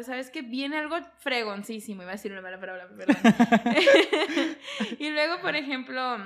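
Casting: woman, twenties, chatty interview host, slightly high voice, laughs a lot. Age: 20s. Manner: laughs often, animated storytelling. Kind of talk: casual interview chat.

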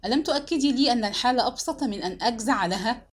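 A woman reading the part of a grieving husband who shouts accusing questions. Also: on the high side, expressive, rapid-fire, husky. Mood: furious. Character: grief-stricken, furious husband demanding answers. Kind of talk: dramatic novel narration.

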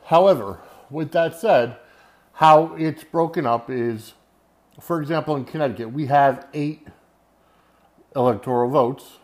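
An American man hosting a podcast, talking unscripted on his own in a rambling, halting way, often searching for his words. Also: on the high side. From United States. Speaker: podcast host. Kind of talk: unscripted solo podcast monologue.

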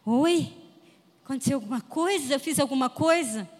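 A woman's voice: sits high, moderate pace, in a large hall, natural voice. Woman doing a shy, meek young mechanic. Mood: timid. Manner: timid, apologetic.

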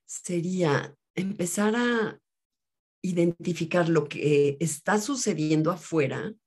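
A woman therapist, a guest on an interview show, explaining things in a measured, teaching way. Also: deep voice, a little mellow, breathy edge. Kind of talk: calm explanatory interview talk.

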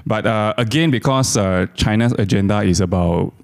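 A man's voice: fairly low pitch, normal speed, gravelly. A man co-hosting a talk, explaining things in a casual conversational way.

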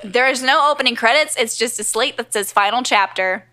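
A woman co-hosting a casual anime recap podcast, animated and quick to act out character lines. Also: a little high. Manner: animated, acts out character lines, laughs often. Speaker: podcast co-host.

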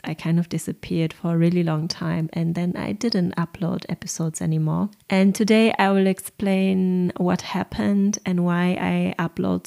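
A woman's voice: lowish voice, gravelly, dark tone. A young woman with a German accent hosting her own podcast, speaking in an earnest, open way. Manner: earnest, open, occasional light laughs. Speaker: podcast host and osteopath. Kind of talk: personal podcast monologue.

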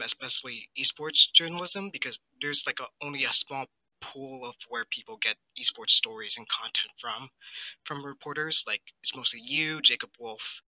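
A man's voice: mid-range voice, vocal fry, bright, forceful tone, dry recording, low-quality recording. A man calling in over the phone as a first-time caller, earnestly laying out background before asking his question. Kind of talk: casual call-in question.

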